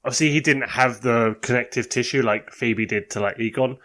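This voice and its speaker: Excitable man with a bright voice. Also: medium pitch, brisk. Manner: excitable, gushing, many "like"s. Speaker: podcast co-host. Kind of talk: casual film discussion.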